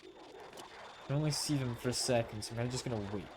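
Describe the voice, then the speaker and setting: A man talks his way through a video game in a casual, unhurried way. His mid-pitched voice often drops into self-questioning mutters. Game ambience is clearly audible behind him. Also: background noise. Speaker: video game streamer narrating own play. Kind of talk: casual gameplay commentary.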